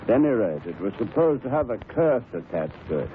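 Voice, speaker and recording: An actor playing a genial old English doctor who chattily reminisces in a 1930s radio drama. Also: male voice, on the low side, sing-song, a little fast, dark tone. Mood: ominous reminiscence. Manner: chatty, avuncular, savoring his tale. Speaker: storyteller narrator. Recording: tinny, hissy 1930s radio recording.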